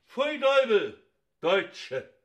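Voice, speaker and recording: A man's voice: very high-pitched, very animated, very slow, heavily acted. A man playing a sardonic, lecturing man. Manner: sardonic, hectoring.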